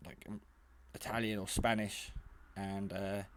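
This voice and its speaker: A man walks through a casual product demo in a garage with a noisy background, sounding like a hobbyist reviewer showing how the item works. His voice is lowish and his tone level; he's unhurried, matter-of-fact, a touch hesitant, and drifts from one point to another.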